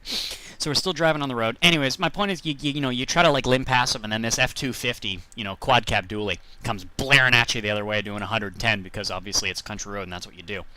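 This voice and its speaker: Talking fast in a mid-range, pushed and bright voice, a man streaming a driving game chats casually with viewers, rambling through jokey stories that poke fun at himself.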